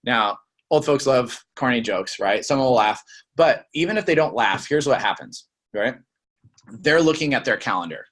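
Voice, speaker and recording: A young man runs a sales training session in a relaxed, conversational way. He keeps slipping into sample phone lines, dropping his voice low and then spiking it up to make his point, and he often checks in with the room with a quick "right?". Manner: lively, demonstrates phone lines by acting them out.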